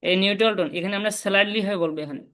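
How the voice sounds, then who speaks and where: A woman with a Bangladeshi Bengali accent teaches in a casual, unhurried way, walking through each step and saying syllables over and over. Her voice sits at an ordinary middle pitch. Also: fairly bright tone. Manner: repeats syllables slowly, step-by-step explaining. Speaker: Chinese language teacher. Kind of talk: casual spoken lesson.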